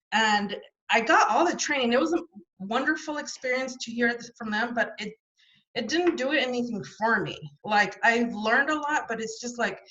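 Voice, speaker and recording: Heard through dull audio on a video call, a woman with a fairly bright, high-leaning voice shares her story as an interview guest. Her storytelling is chatty and meandering, peppered with fillers and restarts, and French is not her first language.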